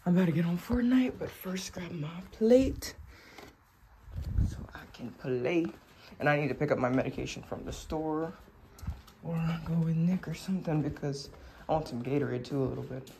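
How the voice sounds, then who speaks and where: A young woman with a low, slightly nasal and congested voice chats casually to her handheld phone camera at a normal pace for a family vlog, relaxed and talking straight to camera. She films in a car, a restaurant and at home, and the phone video picks up background noise.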